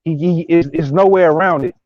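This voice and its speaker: A man talks in a slightly high voice over a group call, and the line keeps breaking up and dropping his words. The audio is dull and lo-fi, with a dry, close sound and no room around it. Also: fairly quick, no room sound. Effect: choppy call audio cutting out. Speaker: participant in an online debate group. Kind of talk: heated casual talk on a group call. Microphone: online group call.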